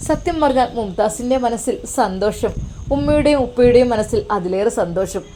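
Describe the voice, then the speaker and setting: Woman, Malappuram accent, storyteller, earnest, emotional narration, fairly high voice. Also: animated, fairly quick, mellow, slight background noise. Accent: Malappuram Malayalam.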